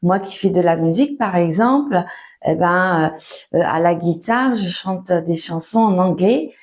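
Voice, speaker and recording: A young woman giving a casual, patient French lesson at home, often pausing with fillers and restarting her sentences. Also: fairly low pitch, lively intonation, darkish tone. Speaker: French teacher. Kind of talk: casual spoken lesson for learners.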